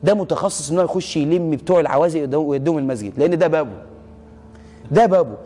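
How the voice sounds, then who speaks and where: A man's voice: fairly high pitch, very fast, long reverb tail. A man preaching in an Egyptian Arabic accent, telling stories animatedly and acting out the dialogue. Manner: animated storyteller, acts out dialogue, swears oaths for emphasis. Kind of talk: storytelling sermon.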